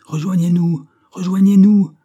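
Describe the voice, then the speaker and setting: A man reading aloud, voicing a commanding male engineer who shouts urgent orders in an audiobook. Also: high voice, fairly even intonation, a little slow, muffled recording, voice pushed up.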